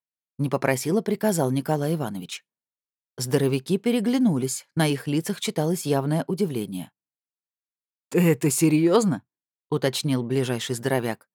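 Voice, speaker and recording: A man narrating an audiobook in a steady, scripted storytelling voice with dramatic emphasis. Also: a little high, no room sound, clean studio sound.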